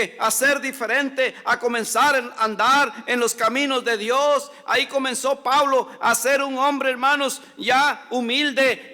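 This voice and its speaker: Male pastor, very high and bright voice, preaching in a reverberant church, loud then hushed. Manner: preaching, repeats "hermanos" often, swings between loud and hushed. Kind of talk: sermon. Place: church hall. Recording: long church hall reverb.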